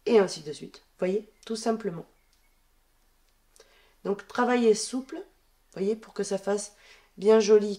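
Seated indoors at a wooden table, a crochet tutorial host walks through a pattern while fighting a stuffy head cold. She speaks in a steady, calm, middle-pitched female voice, counting stitches out loud and keeping each step simple.

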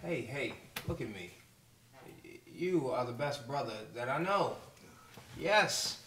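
A man's voice: medium pitch, expressive, slow, a little hiss or hum. A man playing a blustering drunk husband. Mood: reassuring. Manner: slurring bluster that flares into shouting. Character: hot-tempered drunk husband, blustering and defensive. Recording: echoey room, distant mic.

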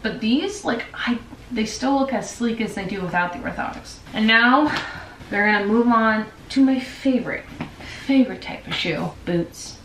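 A woman's voice: a little high, expressive, moderate pace. A chatty, upbeat woman in her twenties talks casually in her bedroom. She sits back from the camera, so her voice sounds a little distant. The room adds echo, with a faint hiss behind. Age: 20s. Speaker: vlogger. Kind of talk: casual chat. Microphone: far camera. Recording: roomy, from a distance.

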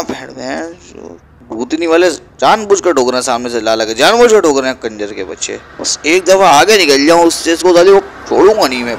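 A man's voice: mid-range voice, creaky, a little hiss or hum. A man voicing a brash, foul-mouthed male gangster who swaggers and insults in an amateur game dub. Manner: swaggering, insulting, panics into yelling while racing.

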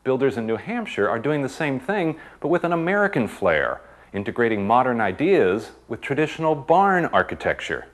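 A male TV host narrating a home-building feature in a smooth, measured presenter voice. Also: medium pitch, big pitch swings. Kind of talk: scripted documentary narration. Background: background music under the voice-over.

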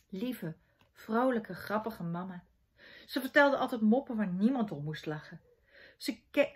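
A woman from the Netherlands reading a children's book aloud in an expressive storytelling manner. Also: medium pitch, breathy edge. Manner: expressive storytelling, softening to a hush in quiet scenes.

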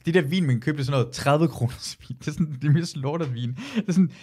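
A man hosting a podcast in casual chat, animated and ranting, swearing freely. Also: fairly high pitch, husky. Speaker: podcast host.

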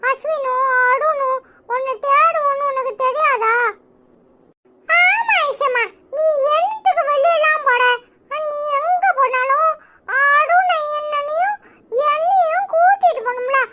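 A woman's voice: a little slow, sharp tone, exaggerated voice. A woman voicing two small boys pleading with their mother, in a Kanyakumari Tamil accent and a whiny, childlike way. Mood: clingy pleading. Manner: whiny, clingy, high childlike voice. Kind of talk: village comedy serial acting.

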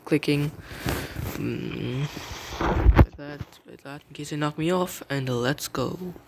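A young man giving casual gameplay commentary, muttering to himself and repeating words rapidly in tense moments. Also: on the high side. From English-speaking country with its own slang. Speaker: gamer. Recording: noisy home mic.

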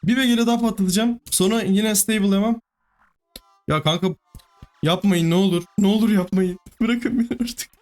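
A man giving live gameplay commentary, excitable, pleading with the game and cursing at it. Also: high voice, moderate pace, soft background music. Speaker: gaming YouTuber.

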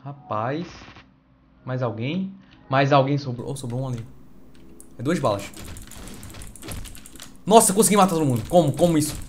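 Excitable Brazilian gaming youtuber. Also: male voice, mid-range voice, normal speed, pauses often, a little hiss or hum. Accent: Brazilian Portuguese. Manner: excitable, joking, shouts greetings to viewers. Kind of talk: let's play commentary.

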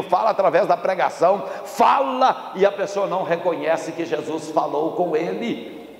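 A man's voice: a little high, reverberant, long reverb tail. A man preaching a sermon in church, impassioned and acting out scripture scenes. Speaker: pastor.

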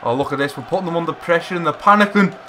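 Excitable guy gaming. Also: fairly high pitch, racing, a faint crowd. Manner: excitable, shouts encouragement at players. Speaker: gamer playing a football career mode. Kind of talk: live gameplay commentary.

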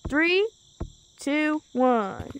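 Excitable high-voiced female gamer host. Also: very slow, slight background noise. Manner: excitable, loud exclamations. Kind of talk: casual gaming chat.

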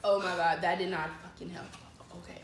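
A woman's voice: lowish voice, flat delivery, brisk. A young woman chatting casually during an eating challenge. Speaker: challenge participant. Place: indoors at a kitchen dining table. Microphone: camera across the table. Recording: echoey room with clear noise.

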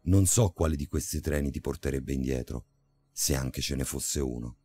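A man voicing a detached, weary male stranger in a spoken horror story, flat and quiet. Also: very deep voice, normal speed, faint music behind, pitched below the performer's own voice. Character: cold, detached male stranger who lives in the subway.

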